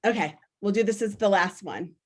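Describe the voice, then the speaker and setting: A woman facilitating a workshop over a video call, energetic, often checking in with "right?". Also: medium pitch, moderate pace. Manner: energetic, frequently asks "right?".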